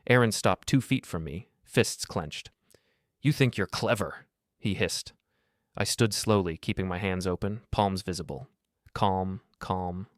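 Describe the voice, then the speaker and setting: Calm deep-voiced man narrating a story. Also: no room sound, clean studio sound. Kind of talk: scripted first-person story narration.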